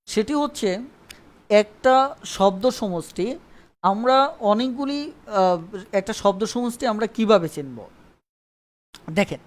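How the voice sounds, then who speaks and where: A man teaching an online English grammar lesson live. He repeats points and keeps checking that viewers understand. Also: high voice. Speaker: English tutor.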